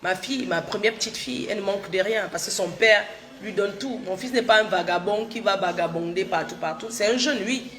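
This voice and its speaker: She's a middle-aged woman from Cameroon, livestreaming casually despite a cold, answering viewer comments head-on and saying things more than once. Her mid-range voice moves a little fast and sounds a bit bright.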